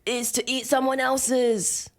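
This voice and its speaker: A woman's voice: high-pitched, flat delivery, slow pace. A young woman co-hosting a podcast, thoughtful with a dry wit. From Singapore. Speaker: podcast co-host. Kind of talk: casual chat.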